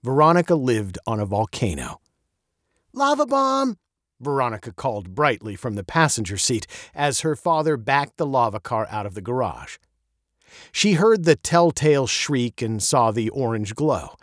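Lively male storybook narrator. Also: normal speed, dry recording, studio quality. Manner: expressive, playful storyteller with wide pitch swings. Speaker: audiobook narrator.

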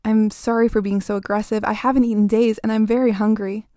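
A woman's voice: mid-range voice, flat delivery, fast talker, warm tone, no echo, clean studio sound, close to an everyday voice. A woman voicing a giant hungry fly creature that whispers and insists on being fed. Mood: pleading. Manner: whispering, then insistent and demanding.

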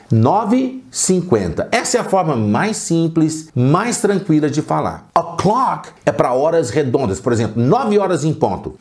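Lively chatty male teacher. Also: a little high. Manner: chatty and patient, repeats examples slowly. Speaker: English teacher and podcast host. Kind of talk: podcast language lesson.

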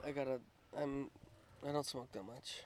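A man in a casual podcast chat, high on weed, giggling and easygoing. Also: fairly even intonation, normal speed, slight background noise. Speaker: podcast co-host.

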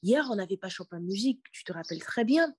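A woman's voice: medium pitch, expressive, quick pace, a little mellow, slightly rough, dry recording. A woman in her thirties from the Republic of the Congo, a singer speaking earnestly as a podcast guest, often repeating words. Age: 30s. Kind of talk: casual interview talk.

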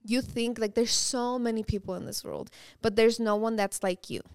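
A woman's voice: fairly high pitch, steady tone, moderate pace, a little mellow, clear, resonant tone, no room sound, clean studio sound. A woman, guest on a podcast, giving an earnest, encouraging motivational talk. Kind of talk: casual chat, giving motivation.

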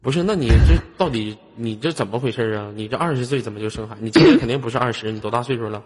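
A man's voice: medium pitch, sing-song, rapid-fire, darkish tone. A man with a Northeastern Chinese accent hosting a live voice chat, bantering in a brash, teasing, profane and slangy way. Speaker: host of an online voice-chat audition. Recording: noisy online voice chat with clicks. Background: clear background noise and clicks.

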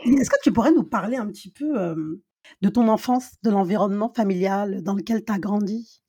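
A woman hosting a podcast in a casual interview chat, lively and quick to laugh when telling stories. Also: medium pitch, breathy edge. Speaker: podcast host.

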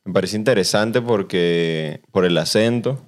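A man's voice: deep voice, unhurried. A man hosting a casual podcast chat, slangy and laid-back, laughing easily. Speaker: podcast host. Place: Los Angeles studio.

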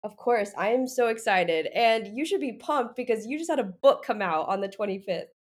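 A woman's voice: a little high, lively intonation, moderate pace, slight background noise. A woman hosts a casual podcast interview, chatty and upbeat. Her voice sounds stuffy and nasal from allergies, and she fills her sentences with little ums and uhs. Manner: upbeat, chatty, frequent fillers. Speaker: podcast host.

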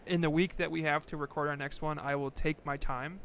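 Bright-voiced joking man on a podcast. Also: fairly high pitch, fairly even intonation, a little fast, a little hiss or hum. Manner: joking, self-mocking storyteller, stammers and laughs. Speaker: podcast co-host. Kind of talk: casual comedic chat.

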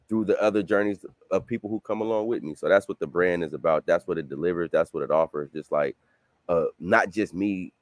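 A man in his late thirties, a guest author talking casually in an interview, loose and repetitive, jumping into excited bursts. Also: low voice, no echo. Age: 30s. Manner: loose, repetitive, rising to excited bursts when quoting himself.

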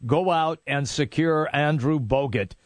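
A man's voice: a little high, a little slow, no echo. A man hosting a sports talk radio show, with easygoing, friendly banter.

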